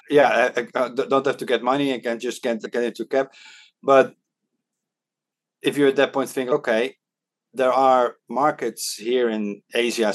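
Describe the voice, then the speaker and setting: A Dutch startup advisor, appearing as a podcast guest in Hong Kong, works through his points in a relaxed interview. He speaks at an ordinary middle pitch for a man, hesitating often with "uh" and restarting his words.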